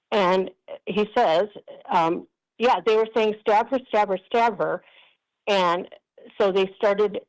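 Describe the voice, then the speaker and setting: A woman's voice: medium pitch, poor audio. A woman calling in to a council meeting from a kitchen at work, telling a long story with emphasis as a resident giving public comment. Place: kitchen at her workplace. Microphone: phone or video call.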